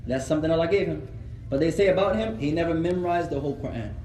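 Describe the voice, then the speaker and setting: An earnest man from the United States teaches a religious lesson in a fairly high voice, repeating words for emphasis. He is picked up from a distance. The room around him rings with echo and a faint hum. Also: fast, mellow. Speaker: Islamic teacher.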